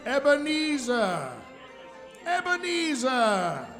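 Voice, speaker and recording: An actor playing a jovial, commanding Christmas spirit in a radio play, with theatrical, drawn-out calls. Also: male voice, very high voice, very animated, fairly bright tone, soft background music, full character voice. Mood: booming summons.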